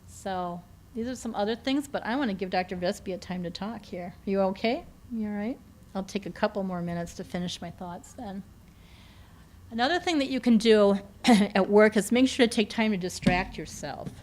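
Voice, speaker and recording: A woman's voice: medium pitch, moderate pace, darkish tone, slight background noise. A woman speaking informally to a campus audience in a meeting room, conversational with many "um"s and self-corrections, her voice slightly strained and giving out at times. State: slightly losing her voice, occasional coughs. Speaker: campus career development speaker.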